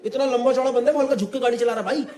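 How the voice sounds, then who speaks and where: A man from the Delhi area doing a stand-up comedy set, telling an animated story in mixed Hindi and English and putting on voices for the people in it. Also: very high-pitched, rapid-fire. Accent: Delhi NCR Hindi. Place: live comedy venue with audience. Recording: echoey room, crowd laughter, background noise. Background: audience laughter.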